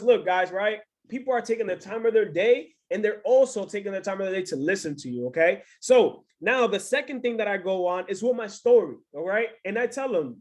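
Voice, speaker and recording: A man from the United States giving an energetic motivational business training over a video call, constantly checking in with the listeners. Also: high-pitched. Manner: hyped, energetic, peppers talk with "right?".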